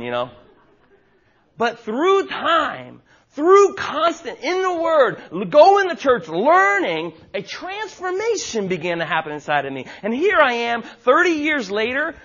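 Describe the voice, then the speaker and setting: Male pastor, forties, sermon, high voice, lively swooping delivery, church stage. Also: muffled recording. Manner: emphatic, folksy, joking asides.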